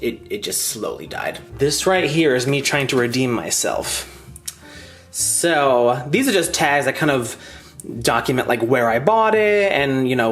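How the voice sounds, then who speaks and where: A campy, chatty man showing off his houseplants in a casual vlog, his pitch swooping up and down as he gushes. He jumps from soft murmurs to sudden excited outbursts. Faint music plays quietly in the background. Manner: gushing over details, sudden loud bursts of excitement. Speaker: plant collector vlogger. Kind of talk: casual show-and-tell vlog.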